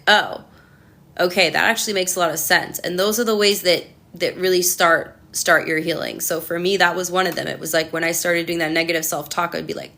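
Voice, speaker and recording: A woman's voice: on the low side, creaky, a bit bright. A young woman reading tarot cards and chatting with her viewers, passionate and ranting as she talks. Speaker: tarot reader. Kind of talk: casual tarot reading answering live chat.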